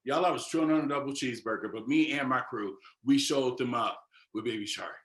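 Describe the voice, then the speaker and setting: A young adult man giving a keynote speech, telling a story in an animated way and talking straight to the audience. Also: medium pitch, fairly quick. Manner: animated, addresses audience directly as "y'all". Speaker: keynote speaker. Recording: roomy echo.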